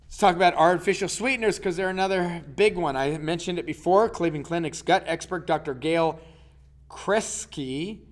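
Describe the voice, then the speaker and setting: A man's voice: fairly high pitch, moderate pace. A man, teaching a casual health lesson as a coach and putting questions to his listeners. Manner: chatty, asks the listener questions.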